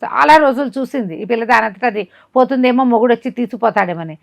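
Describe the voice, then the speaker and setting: A woman with a slightly high, gravelly voice talks fast, recorded dry with the highs cut off. She's a storyteller sharing a folk tale conversationally with a listener, animatedly acting out the quoted dialogue as she goes.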